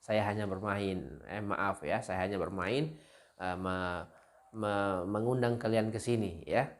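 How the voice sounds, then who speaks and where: A man's voice: steady tone, a little slow, close to an everyday voice. A man acting out a panicked farmer screaming for help. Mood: sheepish. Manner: shrill repeated cries for help.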